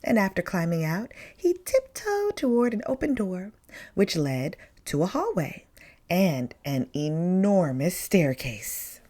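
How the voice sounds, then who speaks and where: Reading a children's picture book aloud at story time, a woman lets her pitch swing in lively arcs. She goes slowly, dramatically stressing key words for an expressive performance.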